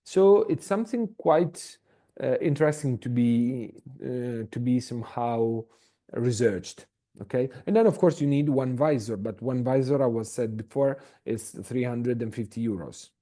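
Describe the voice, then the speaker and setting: A man with a mellow, warm tone talks through a masterclass topic over a video call. His English is halting, with many fillers and restarts, and he keeps checking in with his listeners. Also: mid-range voice. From Italy. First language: Italian. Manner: hesitant, many fillers and restarts, tags with "okay?". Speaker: masterclass speaker. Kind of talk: masterclass talk.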